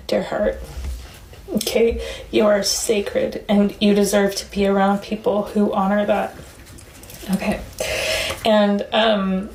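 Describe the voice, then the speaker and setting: Earnest woman with a vocal fry. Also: medium pitch. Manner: soft-spoken, earnest and encouraging, with frequent fillers. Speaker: tarot reader. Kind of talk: pick-a-card tarot reading. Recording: echoey room, faint background hiss.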